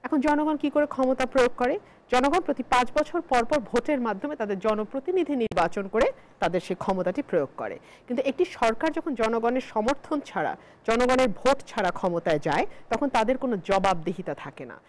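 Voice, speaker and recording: A woman's voice: a little high, expressive, a little fast, rough recording. A woman barrister from Bangladesh, arguing her case step by step as a panelist on a televised political talk show. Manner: argumentative, lawyerly, builds points with emphasis.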